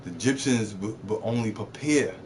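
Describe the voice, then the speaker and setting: A man's voice: lowish voice, normal speed, slight background noise. A man live streaming a game who rants off the cuff, cursing, repeating himself and mocking others in put-on voices. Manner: rambling, profane, repeats words, mocks others in put-on voices. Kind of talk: off-the-cuff rant while gaming.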